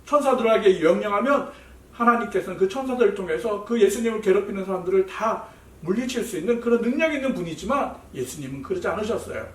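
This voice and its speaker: A man preaching a children's Sunday school sermon, animated and asking the children questions. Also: sits high, a little hiss or hum. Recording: roomy echo, voice heard from a distance.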